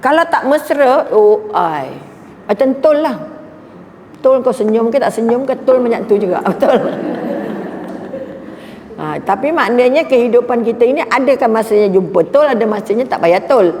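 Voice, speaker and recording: A woman with a Malaysian Malay accent gives a religious talk, her voice sitting a little high. She is chatty and humorous, acts out little scenes and keeps turning to the audience for agreement. The sound is roomy, with a long hall echo and faint noise underneath. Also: lively intonation, moderate pace, darkish tone. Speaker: religious speaker.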